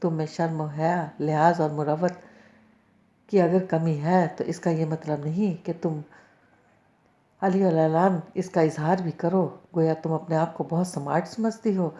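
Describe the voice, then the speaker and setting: Brief: a woman reading as a stern commanding young man in an audiobook novel, dark mellow tone, echoey room. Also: sits low, steady tone, natural voice. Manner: stern, scolding. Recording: echoey, slightly dull recording.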